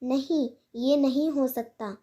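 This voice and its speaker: Slow, high-voiced woman teaching grammar. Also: fairly even intonation, mellow. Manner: measured, clearly paced recitation of rules and examples. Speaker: channel host teaching Hindi grammar. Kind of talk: slow scripted grammar lesson for children.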